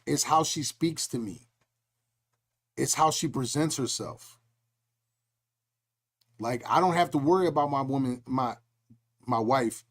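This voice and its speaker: A middle-aged man hosting a podcast in casual talk, telling lively stories and acting out voices as he goes. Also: medium pitch, unhurried, long pauses. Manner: animated storytelling, acts out quoted voices. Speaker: podcast host.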